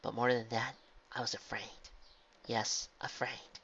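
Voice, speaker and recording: Kind, regal mare princess, played by a male reader: soft, hushed, sorrowful warmth; storybook reading, dull recording. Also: mid-range voice, level tone, measured pace, gravelly, a little hiss or hum. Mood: earnest. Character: gentle, regal female alicorn princess and mentor.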